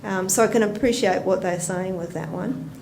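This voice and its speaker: Medium-pitched, creaky and a little mellow, an Australian woman speaks at a moderate pace. The nurse educator is giving a chatty conference presentation with stories and audience questions, and the room is roomy with noise in the background.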